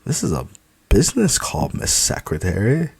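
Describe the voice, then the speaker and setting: A man's voice: low-pitched, sing-song, measured pace, warm tone, breathy edge, no echo, exaggerated voice. A man voicing a flirty, scheming TV show host who teases in a pushy, sing-song way. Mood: teasing, cheeky.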